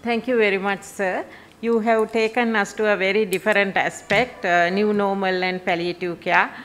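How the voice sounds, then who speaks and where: A middle-aged woman with a Sri Lankan accent moderates a formal event. Her voice is of average pitch, and she speaks through a face mask into podium microphones. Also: fairly even intonation, normal speed, a bit bright. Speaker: symposium moderator.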